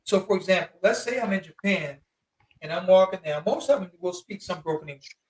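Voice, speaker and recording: Sounding a bit fast, this fifties-aged interview guest with a strikingly high voice spins a casual, slangy yarn with lively energy and heavy emphasis. The mic sits at a distance from him, and the recording is rough.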